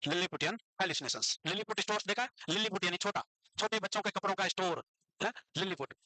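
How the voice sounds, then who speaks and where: A man with an Indian accent teaching a nursing class online, dictating English definitions slowly and quizzing his students. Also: sits high, sharp tone, dry recording, rough recording. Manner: teasing, scolds students playfully.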